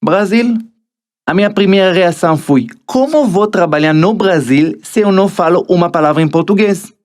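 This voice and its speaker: A man's voice: sits high, normal speed, a little mellow. Israeli man narrating his motivational audiobook. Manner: motivational, addresses the listener directly. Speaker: author narrating his own book.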